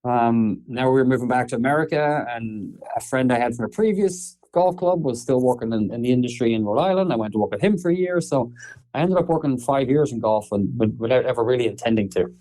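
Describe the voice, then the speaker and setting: Irish man with a dark mellow voice. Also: medium pitch, quick pace, rough recording. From Ireland. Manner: chatty, laughs often, storytelling. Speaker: guest, soccer marketing executive. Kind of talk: casual podcast interview.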